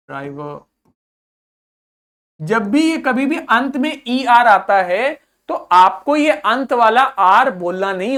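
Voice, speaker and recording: Running a classroom pronunciation drill, this English vocabulary teacher speaks slowly and with care in a high, somewhat bright voice. He says every word over several times and keeps prompting the students to repeat, asking patient quiz questions.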